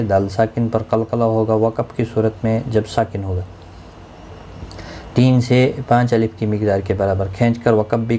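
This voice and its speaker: A man teaching Quran recitation rules, explaining each word in brisk, rule-by-rule steps and chanting the verses slowly. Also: mid-range voice, dark tone, slight background noise. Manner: slow melodic Quran recitation between explanations. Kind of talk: tajweed lesson, explaining each word in Urdu.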